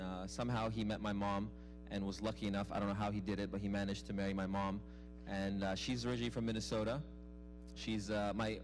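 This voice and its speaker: A young American man from Arizona, a mosque youth programs director, shares personal stories informally as a guest at a public dialogue before a live audience. He is self-deprecating and often repeats words as he goes. His voice is on the low side, and the audio quality is poor.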